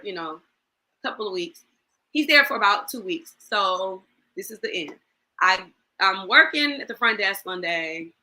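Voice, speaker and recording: A woman's voice: mid-range voice, sharp tone, low-quality recording. A woman in her forties recounting a personal story as a guest on a talk show, voicing the people in it as she tells it. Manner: storytelling, acts out quoted lines, emotional.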